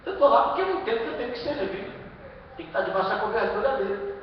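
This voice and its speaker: A man's voice: very high voice, big pitch swings, quick pace. Male pastor, Brazilian accent, emphatic sermon, rhetorical questions, dull lo-fi live-stream sound, faint background noise. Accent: Brazilian Portuguese. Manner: emphatic preaching with rhetorical questions and sudden loud bursts. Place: church hall. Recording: echoey live-stream from far off in a hall.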